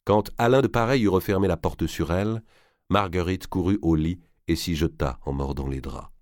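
A man reading a novel aloud in a measured, dramatic narration. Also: low-pitched, a little mellow, no room sound, studio quality. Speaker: audiobook narrator. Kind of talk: scripted narration.

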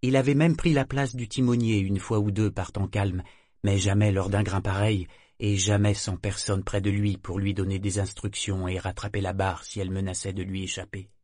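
A man reading an audiobook with steady, measured storytelling. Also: on the low side, no echo, clean studio sound. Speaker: audiobook narrator. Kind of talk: scripted audiobook narration.

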